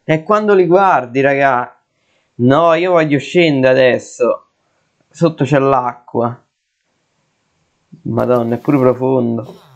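A young gaming video creator narrates a let's play, jittery, frequently exclaiming and swearing when startled. His voice is medium-pitched, slow and gravelly, with long pauses. The recording sounds dull and lo-fi.

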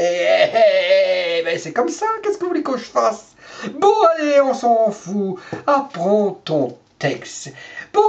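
A man rambling through a gossip monologue as a vlogger, repetitive and chuckling. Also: sits high. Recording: dull lo-fi recording.

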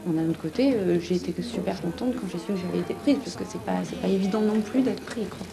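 A woman's voice: on the low side, fast talker, vocal fry. A woman in her thirties, an artist, answering an interview in a hesitant, casual way with many restarts. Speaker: exhibiting artist. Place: vaulted brick gallery cellar, indoors. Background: crowd chatter.

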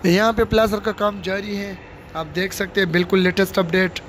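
With a high, fairly bright, steady voice and a slightly quick pace, a vlogger shows viewers around a stadium under construction. He films on his own handheld phone outdoors, addresses the audience directly, leans on repeated showing phrases, and faint outdoor noise is audible.

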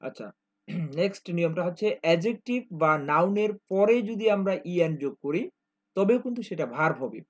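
A man with a slightly high voice and a Bangladeshi Bengali accent teaches an exam-prep grammar lesson. He works through examples one by one. He keeps stopping to ask whether his students follow. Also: expressive, normal speed. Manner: explains step by step, checks in with "ঠিক আছে?" often.

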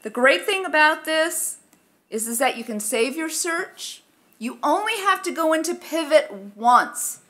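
Bright, higher-pitched woman presenting. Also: expressive, unhurried. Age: middle-aged. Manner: conversational, explanatory. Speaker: presenter, research office staff. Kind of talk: informal instructional presentation. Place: conference room, at a lectern. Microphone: gooseneck lectern microphone.

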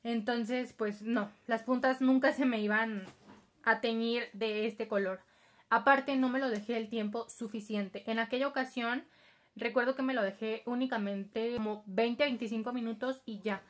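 A young woman chatting casually through a home hair-dye tutorial, hurried and addressing her viewers directly. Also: fairly high pitch, fairly even intonation. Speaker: beauty vlogger. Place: home, improvised spot.

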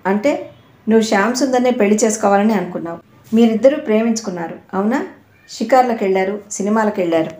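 A woman's voice: medium pitch, fast talker, warm tone, echoey room, natural voice. A woman voicing an angry, suspicious young husband who mocks and accuses his wife in a harsh way. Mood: mocking.

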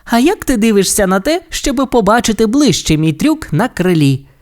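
A woman voicing a spirited young female stunt pilot in an audio fairy tale, talking in excited exclamations. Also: mid-range voice, moderate pace, voice pushed up, natural voice. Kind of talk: audiobook character voice.

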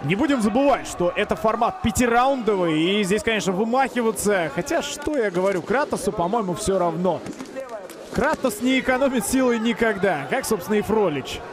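Guy calling a fight live, really high voice, excited commentary. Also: fairly quick, crowd noise.

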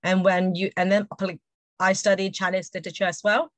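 A Montessori educator in her forties with a Hong Kong accent talks a little fast in a flat, mid-range voice, with no room sound. Guesting on an interview by video call from home, she keeps things casual and says "you know" a lot.

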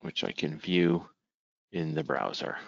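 A man with a very low, creaky voice narrates a screen-share software demo step by step. The sound is dry and dull, like lo-fi video call audio from a screen recording. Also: measured pace, no echo. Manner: step-by-step, methodical. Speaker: software presenter.

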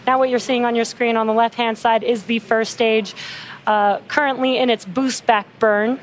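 A woman with a fairly high voice hosts a live launch webcast, explaining as she commentates. There is clear noise behind her. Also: steady tone, moderate pace.

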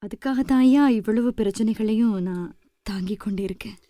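A woman acting a poor, pleading wife and mother in an emotional radio drama, halting and deferential. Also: very high-pitched, expressive, darkish tone, no room sound. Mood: subdued, grieving. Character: anguished poor fisherman's wife, newly widowed mother.

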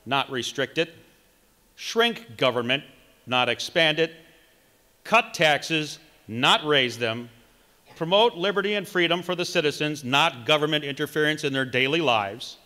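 Middle-aged male candidate, bright and forceful, reading his speech at a podium in a reverberant hall. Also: on the high side, lively intonation. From Wisconsin. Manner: reads from notes, emphatic measured delivery. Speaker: political candidate. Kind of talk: read campaign speech. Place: large conference hall, indoors. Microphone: podium microphone.

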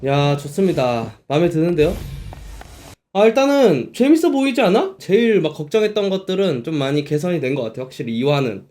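A man's voice: on the high side, big pitch swings, fairly quick, warm tone, faint music behind. A man giving casual, chatty reaction commentary on game footage as a streamer.

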